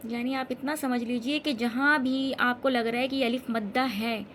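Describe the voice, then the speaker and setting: A woman with a high voice teaches a Quran reading lesson. She explains briskly, then slows right down to recite each word drawn out. A faint hiss of background noise sits under the recording. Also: fairly even intonation, fairly bright tone.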